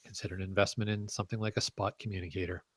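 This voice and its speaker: A man co-hosting a casual podcast who throws in dry, sarcastic quips. He talks fast in a lowish voice. The sound is dry and close. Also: little pitch movement, husky, dry recording. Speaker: podcast co-host. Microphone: video call.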